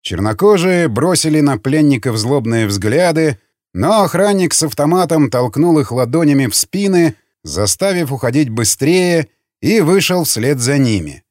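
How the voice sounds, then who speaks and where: A man narrating an audiobook in an expressive reading voice. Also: on the high side, normal speed, dry recording, clean studio sound. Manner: expressive, voices many characters.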